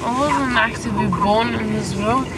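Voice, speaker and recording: A woman's voice: on the high side, moderate pace. A distressed woman pleading and repeating herself. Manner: pleading, repetitive. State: distressed, upset. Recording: distant mic, loud vehicle and street noise.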